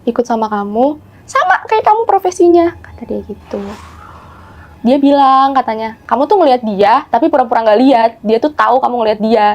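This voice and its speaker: Fast-talking woman spinning a ghost story. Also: fairly high pitch. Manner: animated, acts out quoted voices, keeps saying "gitu". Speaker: guest telling ghost stories. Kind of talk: casual storytelling chat.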